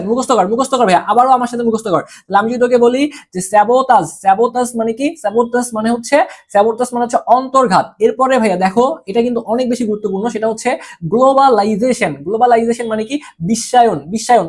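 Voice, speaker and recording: A young adult teacher with a Bangladeshi Bengali accent gives a recorded exam-prep class. The teacher drills each word through repeated questions and answers and urges the students on in a familiar tone. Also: medium pitch.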